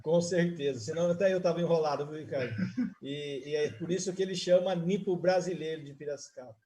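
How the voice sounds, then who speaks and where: A man's voice: fairly high pitch, fast, warm tone, slight background noise. A man who hosts a live online interview and talks in long friendly runs with restarts. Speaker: host. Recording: live video stream.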